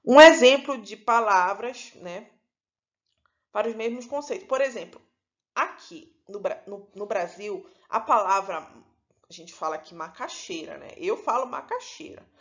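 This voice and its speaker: A woman from Pará with a Paraense Brazilian accent teaches a recorded lesson, explaining things while often adding "né" and correcting herself mid-phrase. Her mid-range voice is expressive and measured, though the sound is lo-fi.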